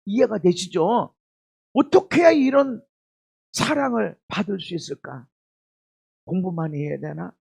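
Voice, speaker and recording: A male pastor delivers a church sermon in a high, husky voice with a gravelly edge. His pitch leaps around as he moves between loud exclamations and quiet asides. He keeps turning to the congregation with direct questions. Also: lively intonation, measured pace, pauses often. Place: church service.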